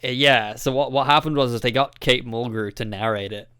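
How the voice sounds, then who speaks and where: A man's voice: medium pitch, brisk, sharp tone, clean tone, no echo, studio quality. A man co-hosting a casual podcast chat, telling a rambling story with lots of fillers. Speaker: podcast co-host.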